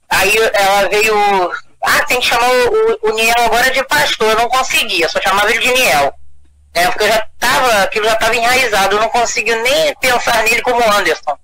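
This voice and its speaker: A woman being interviewed, recalling things casually and haltingly as she searches for words. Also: mid-range voice, background noise. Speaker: interviewee, witness.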